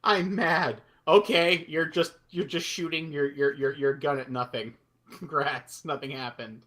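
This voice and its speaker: A man co-hosting a podcast in casual chat, animated and swearing, often laughing. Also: mid-range voice, normal speed. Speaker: podcast co-host.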